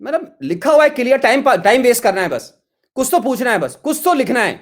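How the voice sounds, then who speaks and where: A middle-aged Indian man with a high voice lectures an online chemistry class. He scolds students over their chat questions with exasperation, repeating the same reproaches again and again. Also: big pitch swings, a little fast.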